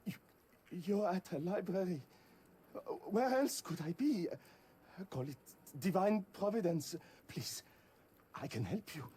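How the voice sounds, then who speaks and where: An actor playing an unsettling male translator who blinded himself, speaking English with a French accent in a calm, measured way. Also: high voice, breathy edge, heavily acted. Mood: eerie calm. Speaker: game character. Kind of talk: video game voice acting.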